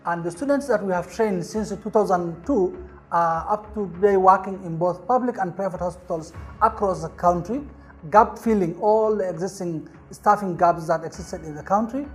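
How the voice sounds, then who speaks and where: A woman's voice: on the low side, normal speed, faint music behind. A woman speaking for her organization in a documentary interview, in a formal and composed way. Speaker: organization representative.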